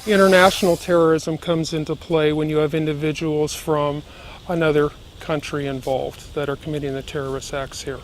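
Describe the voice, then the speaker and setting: A woman police detective speaking in a measured, explanatory way, her voice electronically disguised and pitched down. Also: flat delivery, low-quality recording. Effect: voice disguised, electronically lowered. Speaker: undercover terrorism detective. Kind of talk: interview soundbites.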